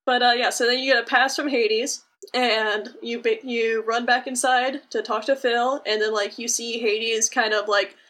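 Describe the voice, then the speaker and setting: A woman's voice: on the high side, moderate pace. A woman co-hosting a podcast, telling a video game story in casual chat and acting out characters. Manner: animated storyteller, acts out characters. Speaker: podcast co-host.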